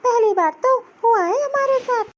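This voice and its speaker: A woman's voice: very high voice, animated, normal speed, highs cut off. A woman voicing a lazy young daughter-in-law who whines about a faked stomach ache in a cartoon. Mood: whining. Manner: whiny, complaining. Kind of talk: cartoon voice acting.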